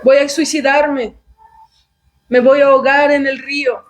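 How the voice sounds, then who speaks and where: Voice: high-pitched, flat delivery, a little slow, pitched above the performer's own voice. A storyteller voicing a young woman who pleads dramatically with her father in a devotional class story. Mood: insistent. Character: young woman, a pleading daughter threatening self-harm.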